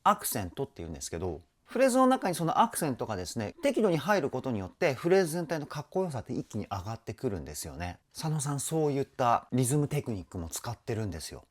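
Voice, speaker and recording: A man's voice: medium pitch, very animated, fast talker, hardly any pauses. A man working as a vocal trainer, reacting to a song with enthusiasm and explaining singing technique in casual talk. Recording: music playing in the background.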